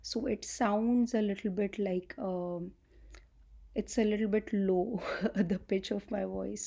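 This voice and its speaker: A young adult woman, a channel host and healing coach, talks casually to camera in a soft, slow, explanatory way, using lots of fillers. She describes her own voice as low-pitched. There's no microphone; it's recorded on the device itself.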